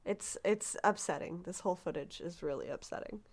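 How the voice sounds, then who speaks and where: A woman co-hosting a podcast, telling a disturbing story in a casual, animated way, stumbling over words and acting out quotes. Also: on the low side, brisk.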